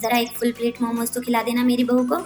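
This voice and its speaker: A stern, motherly cartoon mother-in-law, voiced by a woman, scolding in a raised voice. Bright children's music runs behind her. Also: a little high, monotone, fast, close to an everyday voice. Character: stern but caring middle-aged mother-in-law.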